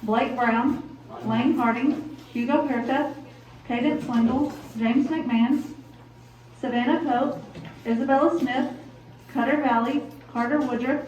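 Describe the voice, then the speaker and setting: A woman on the school intercom, briskly reading out a formal announcement and a list of names. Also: high voice, fairly even intonation. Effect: school intercom loudspeaker. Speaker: school office staff making announcements. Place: classroom, heard over a ceiling speaker. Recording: muffled distant loudspeaker in echoey classroom.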